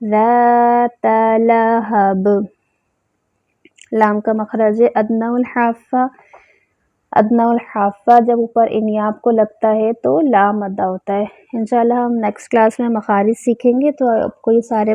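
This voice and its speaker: A woman teaching Quran recitation rules, who recites words slowly and drawn out and then explains them plainly. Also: on the high side, dry recording. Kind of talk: tajweed lesson. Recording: tinny phone-like sound, dry.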